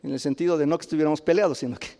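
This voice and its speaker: A middle-aged man with a Mexican Spanish accent preaching a sermon, telling personal stories with frequent chuckles and loud exclamations. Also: on the high side, racing, vocal fry. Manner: animated, chuckles often, rises to loud exclamations. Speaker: pastor. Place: church sanctuary. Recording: reverberant church hall.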